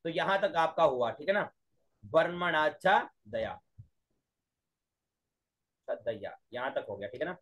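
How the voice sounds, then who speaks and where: A high-voiced man teaching Vedic chanting over a video call. He speaks slowly and deliberately, splitting each word into syllables and chanting the phrases again and again for his students. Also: expressive, a bit bright. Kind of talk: online class teaching mantra pronunciation.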